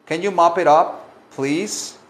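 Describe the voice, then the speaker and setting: Slow, patient male English teacher. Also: a little high. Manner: repeats phrases slowly, explains in Spanish. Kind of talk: bilingual language lesson. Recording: echoey room.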